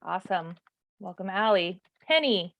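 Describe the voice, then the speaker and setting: A woman in her thirties from New Mexico, a volleyball coach, leads a class over a video call, chatting in a relaxed way with plenty of fillers. Her voice is medium-pitched, her pace moderate, with no echo. The video call mic gives dull, lo-fi audio.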